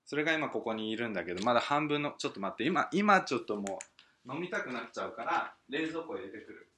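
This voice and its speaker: A man hosting a casual solo podcast at home at night, rambling and musing aloud as he reads listener mail, with soft chuckles. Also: medium pitch, lively intonation, fast talker. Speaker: podcast host.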